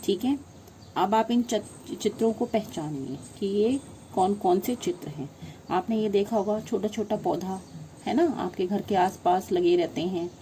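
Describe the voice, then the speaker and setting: A woman's voice: medium pitch, unhurried, mellow, a little hiss or hum. A woman teaching young children in an online class, patiently sounding out letters one syllable at a time and calling them by affectionate names. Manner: affectionate, calls the children "beta". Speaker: primary school Hindi teacher.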